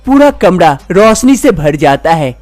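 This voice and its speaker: A man narrates a scripted story in a plain, even manner. His voice sits on the high side for a man. Faint music plays underneath. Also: a little slow.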